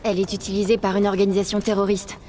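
An earnest, determined young female agent played by a woman in a video game. She speaks seriously at a middle pitch, over clearly audible music. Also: monotone, very fast, natural voice. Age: young adult. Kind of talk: French-dubbed video game acting.

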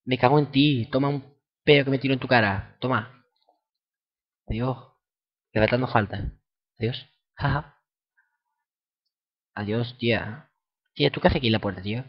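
Excitable young Spaniard swearing at a game. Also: male voice, medium pitch, normal speed, pauses often. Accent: Spain Spanish. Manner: excitable, swears a lot, bursts into shouting. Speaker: gameplay commentator. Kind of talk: casual let's-play commentary. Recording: lo-fi dull home recording.

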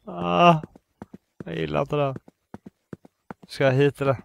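A man's voice: fairly high pitch, flat delivery, creaky, darkish tone, a little hiss or hum. A man from Sweden commentating a horror game, nervous and jumpy, muttering to himself, repeating phrases and swearing when startled. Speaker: gamer playing a horror game. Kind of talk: let's play commentary.

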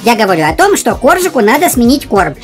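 A performer with a woman's-sounding voice playing a brash, teasing, excitable cartoon husky dog. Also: medium pitch, fast talker, faint music behind, lightly acted.

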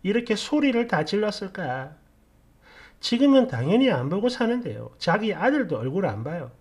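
A woman telling a story in a casual, blunt and sarcastic way, with an animated delivery. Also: medium pitch, normal speed, slightly rough.

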